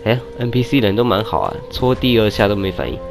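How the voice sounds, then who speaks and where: A lower-pitched man talks through his gameplay in a casual let's-play style. He jokes with enemies and bursts out in loud groans at every setback. Game music plays clearly behind him. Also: fast. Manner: excitable, shouts and groans at deaths, teasing banter with enemies. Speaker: gaming YouTuber.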